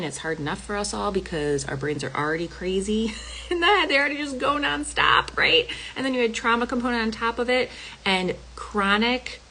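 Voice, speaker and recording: A woman's voice: low voice, fairly bright tone, a little hiss or hum, low-quality recording. A middle-aged woman health coach talking casually and emphatically to her viewers, often checking in with "okay?" and "y'all.". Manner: chatty, emphatic, says "y'all" and "okay?" a lot. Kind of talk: casual talk to camera.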